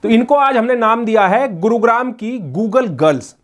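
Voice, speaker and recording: A man's voice: very high-pitched, animated, normal speed. A male local news reporter marvelling aloud as he quizzes children and talks to their mother. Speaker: news reporter interviewing a family.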